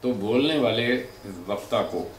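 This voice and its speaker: A man giving a spoken lecture on speech and pronunciation, explaining in a measured way and demonstrating sounds aloud. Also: mid-range voice. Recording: echoey room from a distant mic, faint noise.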